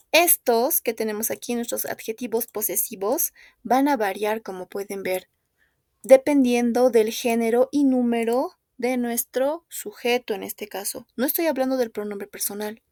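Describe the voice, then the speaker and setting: A woman teacher who explains at an unhurried pace, with a fairly high voice. She repeats each word patiently and keeps checking that her class follows. The sound is dry and close. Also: darkish tone, dry recording. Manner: patient, repeats words and checks understanding often. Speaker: French teacher. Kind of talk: classroom language lesson.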